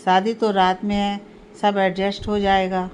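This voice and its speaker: A woman's voice: mid-range voice, little pitch movement, measured pace, slight background noise, natural voice. A woman voicing an affectionate middle-aged mother with a mildly teasing manner in a read-aloud family story. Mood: sarcastic.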